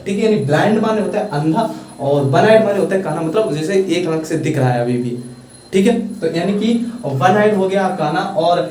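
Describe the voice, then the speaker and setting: A young Indian man with an Indian accent teaching English vocabulary in a casual lesson, repeating and spelling out words slowly. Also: high-pitched, expressive, a little mellow. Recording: echoey room, far from mic, faint hiss.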